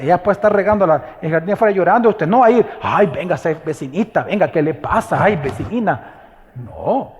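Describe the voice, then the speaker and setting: A man preaches a sermon to his congregation and keeps putting questions to them. His voice sits high and stays emphatic as he presses his points. A long reverb from the church hall trails behind every line. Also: darkish tone, muffled recording. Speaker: pastor. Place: church sanctuary.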